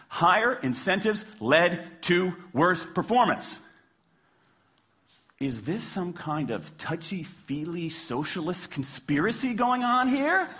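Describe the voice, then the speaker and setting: A man's voice: high-pitched, a bit bright. An American man giving a persuasive stage talk like a passionate closing argument, with emphatic rhetorical questions and punchy short phrases. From Washington, D.C., United States. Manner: passionate closing argument, like a lawyer addressing a jury. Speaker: public speaker, former lawyer.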